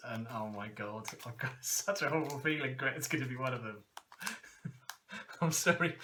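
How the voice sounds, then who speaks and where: Excitable man playing a card game. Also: mid-range voice, a little hiss or hum. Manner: excitable, laughs often, talks to himself. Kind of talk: casual game playthrough commentary.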